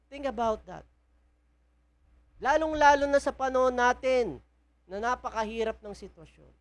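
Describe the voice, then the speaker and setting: A woman with a Filipino accent and a slightly high voice preaches a sermon in church at a moderate pace. Switching between Tagalog and English, she frequently poses questions to the congregation.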